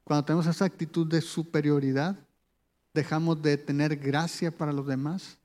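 A high-pitched man delivering a sermon. He preaches conversationally, often turning to ask the listener questions. His voice carries a long reverb, as if filling a large hall. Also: level tone, normal speed, a little mellow.

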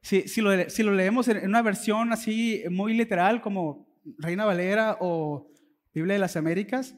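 Male preacher, high pitch, explains scripture in a chatty way; recorded in a reverberant church hall. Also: fairly even intonation, normal speed. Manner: explanatory, conversational asides. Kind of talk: sermon with Bible reading.

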